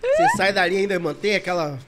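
A man hosting a podcast in casual chat, laid-back and lively, often acting out a fast stream of comments. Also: high voice, very noisy. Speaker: podcast host.

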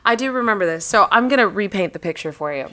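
A young woman co-hosting a casual chat, playful and quick with affirming interjections. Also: medium pitch, expressive, pushed and bright. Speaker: podcast co-host.

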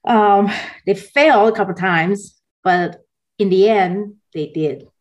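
A woman in her forties from Indonesia, a podcast guest telling her life story in a soft, halting way with small laughs. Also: mid-range voice, lo-fi sound. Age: 40s. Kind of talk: personal story in a podcast interview.

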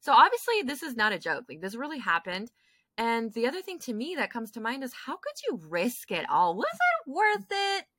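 A woman co-hosting a podcast in casual chat, expressive and opinionated, often correcting herself as she goes. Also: on the high side, fairly quick, no echo. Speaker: podcast co-host.

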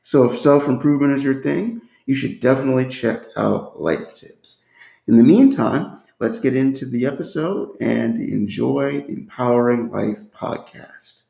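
A man's voice: mid-range voice, expressive, moderate pace, vocal fry, warm tone. A man hosting a self-improvement podcast interview, speaking in a friendly, loose way with plenty of fillers and restarts. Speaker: podcast host. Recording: roomy echo.

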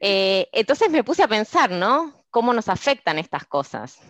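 A woman with an Argentine accent hosts a relaxed podcast conversation, telling stories in a chatty, easygoing way. Her voice sits at an ordinary middle pitch. It is recorded dry and close, with no room sound. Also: a little slow, no echo. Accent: Argentine Spanish. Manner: lively storytelling, chatty anecdotes. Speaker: podcast host.

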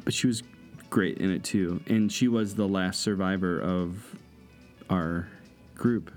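A man's voice: sits low, fairly even intonation, slow, a little mellow, soft background music. A man co-hosting a podcast, chatting casually and enthusiastically about movies, rambling and teasing. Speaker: podcast co-host.

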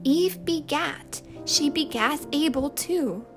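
Storybook child: a woman doing a proud, stubborn little girl, high and loud, a touch slow. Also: faint music behind. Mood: insistent. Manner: indignant, then passionate and shouting. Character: Francie, a lonely, proud, stubborn young girl.

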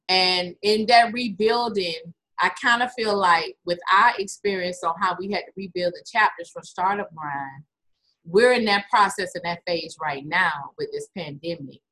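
An American woman hosts an online interview with lively enthusiasm. She leans into her words for emphasis. Her voice is bright, with a clear, forward edge. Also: on the low side, poor audio. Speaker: host.

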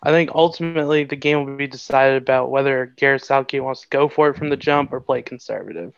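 A man's voice: mid-range voice, fast, gravelly, clear, resonant tone, dry recording, highs cut off. A man co-hosting a podcast, laying out his football analysis in a confident, explanatory way. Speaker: podcast co-host. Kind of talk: casual sports analysis.

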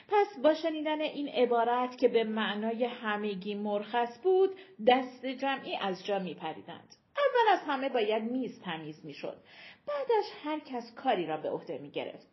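A woman narrating an audiobook in a dramatic, expressive storytelling manner. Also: fairly high pitch, dull audio.

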